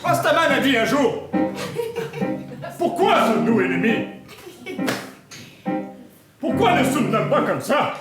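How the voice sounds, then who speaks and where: A man's voice: very high voice, very animated, measured pace, pauses often, exaggerated voice. A man playing a dreamy Rastafarian orator in a live improv show, preaching peace in a sing-song put-on accent. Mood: preachy. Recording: echoey room with guitar music.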